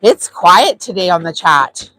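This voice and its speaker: A woman's voice: lowish voice, animated, a little slow, a bit bright, slight background noise, poor audio. A woman hosting a live sewing tutorial, talking casually and chattily with frequent ums as she works. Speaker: sewing channel host.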